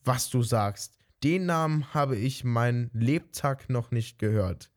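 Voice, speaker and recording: A man's voice: mid-range voice, slow pace, close to an everyday voice. A man voicing a good-natured, trusting female mouse who wonders earnestly in a fairy-tale reading. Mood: puzzled.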